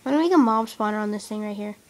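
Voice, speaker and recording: A woman giving excitable, giggly casual commentary while playing a game, shrieking when startled. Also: mid-range voice, racing. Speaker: gameplay commentator. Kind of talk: casual let's-play chatter.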